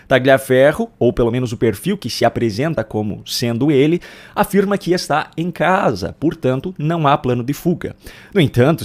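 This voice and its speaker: Casting: male Brazilian political video host, fairly high voice, deliberate and emphatic scripted delivery. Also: darkish tone.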